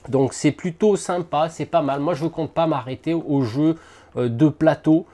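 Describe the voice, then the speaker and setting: A man's voice: fairly high pitch, unhurried, mellow, slight background noise. A man hosting a miniatures hobby channel, casually unboxing and thinking aloud to the camera with lots of hesitant fillers.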